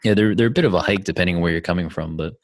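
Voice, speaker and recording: Man, very low voice, dry close sound, loose rambling storyteller who swears a lot and leans on "like" as a casual podcast co-host. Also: very fast, no echo.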